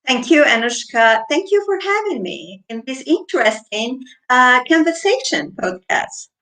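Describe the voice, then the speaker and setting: A woman from Morocco in her forties answering interview questions in a friendly, lively way, pausing often with fillers. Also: high-pitched, low-quality recording. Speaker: interview guest.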